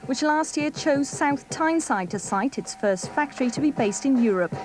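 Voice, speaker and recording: A woman TV news reporter reading a scripted report in a measured, even way, heard from a worn VHS tape copy. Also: high voice, faint music behind, rough recording. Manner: measured, even newsreader delivery. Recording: hissy worn videotape copy.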